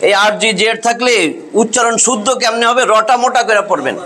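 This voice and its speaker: A man's voice: extremely high pitch, fairly quick, pushed and bright. A man teaching a Quran recitation class, patiently repeating each rule with drilled examples. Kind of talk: classroom tajweed lesson.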